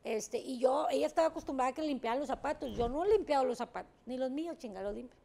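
A woman with a high, gravelly voice tells her stories candidly to a talk show host. She is blunt and emphatic and swears freely. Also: fast, mellow. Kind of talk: candid interview storytelling.

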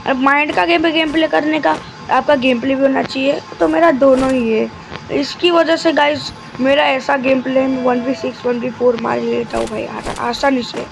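A man giving live commentary over his mobile game, talking deliberately quiet and chatty, constantly addressing his viewers. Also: very high-pitched, vocal fry, poor audio. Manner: talks deliberately quiet and soft; chatty, keeps addressing viewers as guys and brother.

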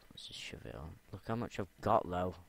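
A man's voice: low-pitched, animated, a little fast, creaky. A young man rambling and talking to himself as he plays a game, repeating words under his breath. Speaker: gamer. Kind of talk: game commentary.

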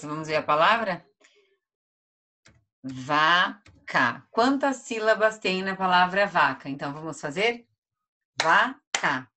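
Slow, bright-voiced Brazilian woman teacher. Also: lowish voice. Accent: Brazilian Portuguese. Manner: slow, stretches out each word syllable by syllable. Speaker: first-grade teacher. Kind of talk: online lesson for young children.

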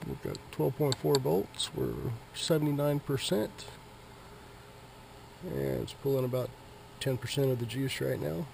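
A man giving a relaxed, chatty handheld tour of his motorhome, reading out numbers from his solar panel display. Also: mid-range voice, measured pace, gravelly, noisy background. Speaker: RV owner vlogging his camping trip. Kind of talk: casual handheld vlog tour. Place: inside a parked motorhome, small room. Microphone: handheld wide-angle action camera.

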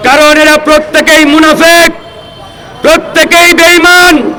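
Bangladeshi male soapbox orator, very high strained-up pitch, declamatory political rally delivery, crowd noise behind. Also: level tone, unhurried. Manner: soapbox orator, impassioned, declamatory, addressing supporters. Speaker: political activist speaker. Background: crowd of supporters.

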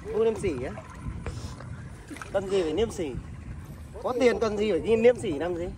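A cruel, arrogant skeleton voiced by a man for a fan audio drama. He sneers and taunts in a fairly high voice, boastful and mocking about money. The recording is homemade and carries clear background noise. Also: unhurried, warm tone, distant mic. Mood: sneering. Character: arrogant rich male skeleton, cruel ex-lover.

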